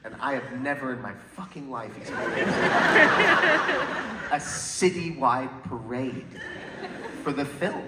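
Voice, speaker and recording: A man's voice: mid-range voice, takes it slowly. A man with a Liverpool accent chatting and joking on a convention panel, swearing casually. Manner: jokey, lively, swears casually. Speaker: panel guest. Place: large convention hall. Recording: echoey hall, crowd, noise, far mic.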